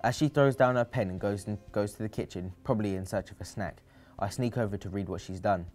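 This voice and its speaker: A man with a fairly low voice narrates a first-person story in a dry, teasing manner. Soft music plays faintly behind him. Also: fast.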